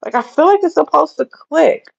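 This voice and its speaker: A woman's voice: high-pitched, lively intonation, moderate pace, creaky, lo-fi sound. A woman chatting casually on a livestream, rambling and often laughing as she talks. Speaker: livestream host.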